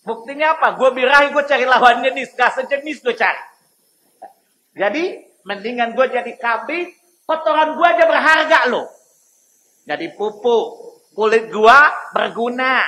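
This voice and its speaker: A man's voice: very high-pitched, expressive, normal speed, pushed and bright, slight background noise, full character voice. A man voicing a boastful male goat who brags in slangy banter about how useful he is.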